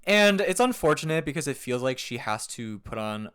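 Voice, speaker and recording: A man's voice: mid-range voice, sing-song, moderate pace, fairly bright tone, clean tone. A young man in his twenties co-hosting a podcast, earnest and reflective, with the odd mocking aside. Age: 20s. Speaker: podcast co-host. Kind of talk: casual chat.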